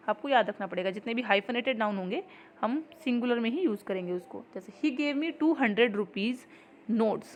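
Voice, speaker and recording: A woman teaching an exam-prep grammar lesson, explaining patiently and reading example sentences slowly. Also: on the high side, slight background noise.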